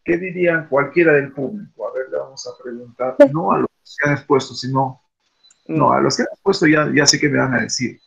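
A man's voice: medium pitch, a little fast, gravelly, fairly bright tone, highs cut off. A man teaching an online class, rambling with many fillers and rhetorical questions. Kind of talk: classroom talk over a video call.

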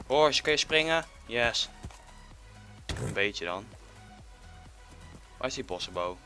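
Excitable bright-voiced young gamer guy. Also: mid-range voice, takes it slowly, soft background music. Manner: excitable, chatty, swings between loud outbursts and muttering. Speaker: gaming YouTuber. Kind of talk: casual gameplay commentary.

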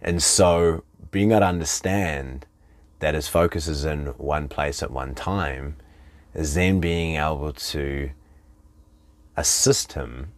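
A man coaching in a webinar talk, animated, acting out the people he quotes with big jumps in pitch. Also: no room sound. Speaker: relationship coach.

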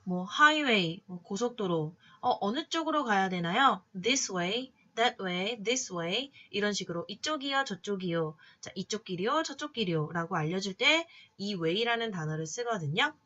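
A woman teaching English phonics in a patient classroom manner, slowly sounding out each letter and cueing students along. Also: medium pitch, lively intonation, sharp tone, highs cut off. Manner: patient, drawn-out sounding of letters, many "자" cues. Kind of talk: slow classroom phonics lesson.

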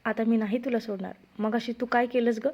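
A woman reading the part of a playful, quick-tempered young husband in a story, scolding loudly when irritated. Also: a little high, steady tone. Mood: teasing. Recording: dull lo-fi recording.

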